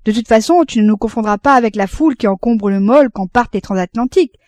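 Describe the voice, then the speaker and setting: A woman voicing a boisterous old father who exclaims loudly, in an audiobook reading. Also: fairly high pitch, fast talker, no echo, studio quality, lightly acted. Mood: hearty. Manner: loud, exclaiming.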